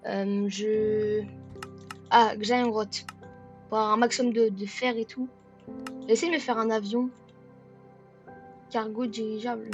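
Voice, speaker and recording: A woman giving let's-play commentary in a joking way. She stammers and repeats words, and bursts into shouts at the game. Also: a little high. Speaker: gaming video creator.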